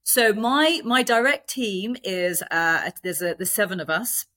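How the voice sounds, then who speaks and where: A woman's voice: mid-range voice, unhurried, sharp tone. A woman explaining her business work conversationally as an interview guest. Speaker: podcast guest, department head at a tech company.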